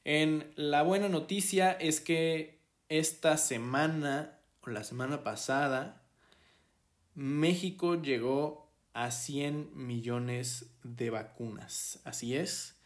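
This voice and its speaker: Speaking slowly in a fairly high voice, a man with a Mexican accent hosts a podcast and talks through the news alone. His casual commentary is hesitant, full of fillers and restarts.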